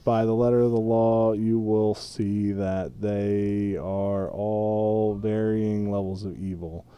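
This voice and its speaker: A man's voice: lowish voice, level tone, slow, clear, resonant tone, dull audio. A man running a tabletop game as game master, patiently explaining the rules to his players.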